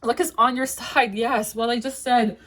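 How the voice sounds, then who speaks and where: A woman's voice: on the high side, steady tone, normal speed, a bit bright. A young woman giving a casual tarot reading, rambling with many fillers, laughing often and swearing now and then. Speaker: tarot reader.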